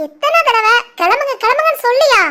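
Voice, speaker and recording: A woman voicing a bossy, playful grandmother and mother-in-law in an animated family story, with a southern Tamil accent from the Tirunelveli area and quick teasing retorts. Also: heavily acted. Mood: scolding. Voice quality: high, bright cartoonish voice. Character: teasing middle-aged grandmother, sharp-tongued mother-in-law.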